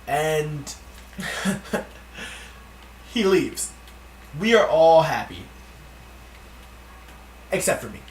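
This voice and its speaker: A man's voice: on the high side, very animated, drawn-out words, long pauses, slight background noise. A man telling a story in a casual, profane, ranting vlog. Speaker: vlogger. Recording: echoey room from a distance.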